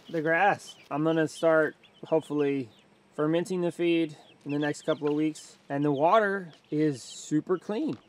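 Chatty Texan man filming outdoors. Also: on the high side. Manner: chatty, excitable, talks to the animals. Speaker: homesteader showing his animals. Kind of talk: casual walk-and-talk vlog. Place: outdoors on a rural homestead. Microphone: handheld camera held at arm's length.

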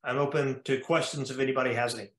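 He talks fast, with a medium pitch, fairly even intonation and a slightly bright quality. An American cardiologist, he walks a diving conference through his slides over a video call in a methodical, step-by-step way, often filling pauses with "uh," all in an echoey room.

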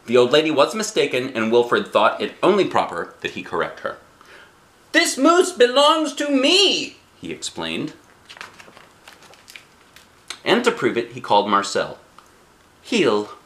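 In a small living room, a middle-aged man reads a story aloud in a mid-range voice, a little fast and with few pauses, captured by a camera a short distance away. His delivery swings widely and is animated. Playful and expressive, he breaks from the text for chatty asides and questions, the way a dad does with a child.

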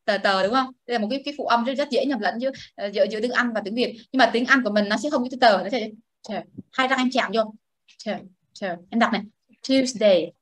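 A woman's voice: fairly high pitch, rapid-fire, hardly any pauses, fairly bright tone, no echo. A woman teaching a classroom pronunciation lesson, patiently explaining and modelling words for students to repeat. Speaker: English teacher.

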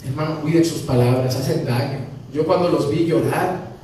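Man, pastor, animated sermon, booming echo, faint hiss behind. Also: normal speed. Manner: animated, acting out dialogues with humor. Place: church sanctuary. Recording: very echoey church from a distance, faint noise.

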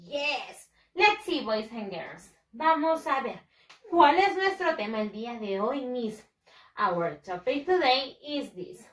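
Woman, primary English teacher, bilingual drilling, very slow, lively pitch, echoey room, distant mic. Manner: cheerful, repeats each phrase in English then Spanish, drills pronunciation; voices pupils' questions to herself. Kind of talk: bilingual lesson for young children.

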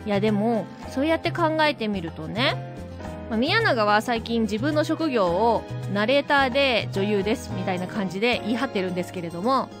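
A woman hosting her own web radio show, talking casually and reflectively, thinking aloud with soft asides. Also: fairly high pitch, animated, a little fast. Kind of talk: casual solo radio talk. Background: background music.

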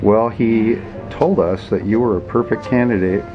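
A man's voice: on the low side, moderate pace, lo-fi sound. An older man talking casually as a father on a family vlog. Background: prominent music.

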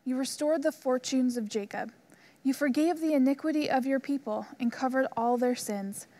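High-voiced woman reading scripture. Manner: measured, even reading pace. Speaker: scripture reader. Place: church room.

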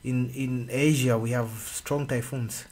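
A man, co-hosting a radio discussion and explaining at an unhurried pace with pauses and fillers, speaking into a studio microphone. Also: mid-range voice, steady tone, a little mellow, husky. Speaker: radio co-host. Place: radio studio with red walls. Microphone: studio boom mic.

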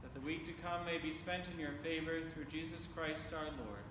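A man leading a church service, reciting the creed and prayers in a steady, measured way, his voice carrying a cathedral echo. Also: fairly high pitch. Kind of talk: liturgical prayer reading. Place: large reverberant church. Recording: distant mic, long church reverb, steady ambient noise.

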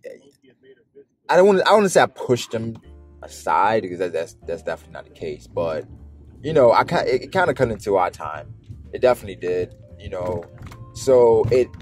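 Rambling vlogger man with a lowish voice, talking while driving, soft music under him. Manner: rambling, many restarts and fillers. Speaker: anime YouTuber. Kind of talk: casual car vlog monologue. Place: driving in a car. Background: faint background music.

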